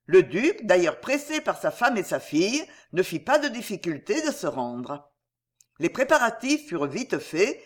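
An audiobook narrator reading a historical novel with dramatic, varied delivery. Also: mid-range voice.

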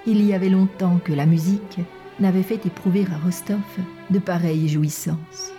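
A woman reading a classic novel aloud as an audiobook narrator, softly and at times half-whispered. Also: on the low side, steady tone, moderate pace, faint music behind. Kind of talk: scripted narration.

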